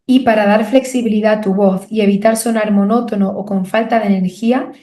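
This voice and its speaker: A woman's voice: mid-range voice, fairly even intonation, warm tone, echoey room. Woman narrating a speaking-skills audiobook. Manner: clear, measured, didactic delivery with rhetorical questions.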